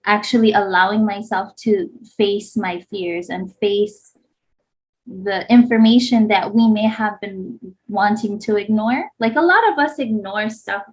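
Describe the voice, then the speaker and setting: Speaking unhurriedly at a medium pitch, this podcast co-host, a thirtysomething woman raised in Hawaii, meanders through a personal story in casual conversation. "Like" turns up constantly. The sound is a bit dull and lo-fi.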